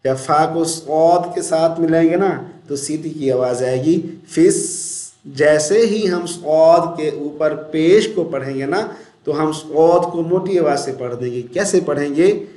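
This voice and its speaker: Male recitation teacher, slightly high voice, slow chanted words between spoken notes, echoey room. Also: mellow. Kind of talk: recitation lesson.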